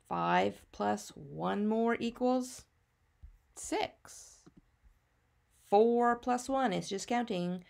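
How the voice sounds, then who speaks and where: A woman's voice: on the high side, gravelly, darkish tone. A woman teacher narrating a maths lesson for young children, patiently teaching a child to count step by step with simple questions and answers.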